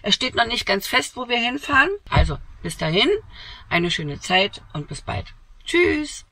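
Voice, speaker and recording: Older woman vlogger, high gravelly voice, bright and dry, chatty with many fillers, camper van. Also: very animated, measured pace, no room sound. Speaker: camping vlogger. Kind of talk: casual vlog talk to camera. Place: inside a camper van, daytime. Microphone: fixed camera in front, seated.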